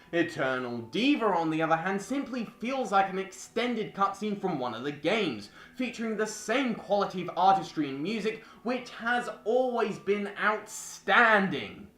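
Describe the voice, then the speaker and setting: A young adult with a medium-pitched, slightly bright voice reads a scripted video essay as a film reviewer. The voice-over sounds roomy, with music running behind it.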